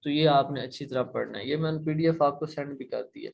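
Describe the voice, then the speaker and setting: Gravelly Pakistani male teacher. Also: mid-range voice, a little mellow, muffled recording. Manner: explains patiently, repeats points, checks in often. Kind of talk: online class lecture. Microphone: laptop.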